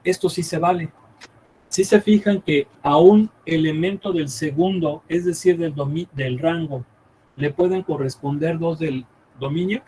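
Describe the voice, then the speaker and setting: Lecturing a live math class, this teacher has a somewhat high, mellow voice and often checks whether students follow with quick questions. He repeats himself and thinks aloud while drawing on the board. The low-quality recording carries a faint hum of room noise.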